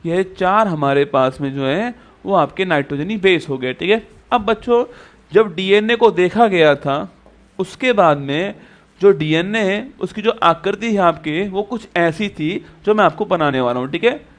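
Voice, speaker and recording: A man's voice: high voice, lively intonation, a little slow. A male teacher giving an exam-prep lecture who keeps repeating points and quizzing students with rhetorical questions.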